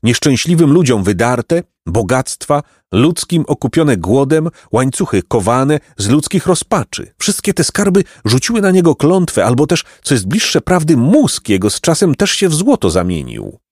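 A man's voice: medium pitch, very animated, normal speed, few pauses, a little mellow, no room sound, voice pushed up. A yearning, tormented old courtier made of gold, sighing and exclaiming in a raised, swooping voice, as a male reader puts him on. It is a storybook character who lives on a lament. The sound is dry and close. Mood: grave. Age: older. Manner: sighing, exclaiming, heated whisper. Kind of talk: audiobook character reading.

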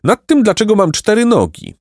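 A man's voice: high voice, wildly swooping pitch, normal speed, dry recording, clean studio sound, voice pushed up, full character voice. A man voicing a pompous, stubborn male donkey who fancies himself a philosopher, in a lofty, ponderous storybook manner. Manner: lofty, ponderous, self-important. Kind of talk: audiobook reading of a children's tale.

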